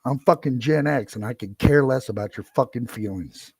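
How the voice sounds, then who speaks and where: A man's voice: medium pitch, normal speed, a little mellow, husky, dry recording, studio quality. Angry profane middle-aged man. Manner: profane, heated and repetitive. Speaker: podcast host. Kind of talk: angry solo rant.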